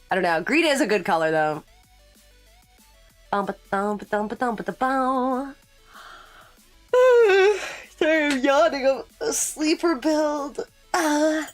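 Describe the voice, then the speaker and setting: A VTuber streamer chats casually on a live stream, her voice a bit bright. She replies to chat while working and breaks into sudden high exclamations.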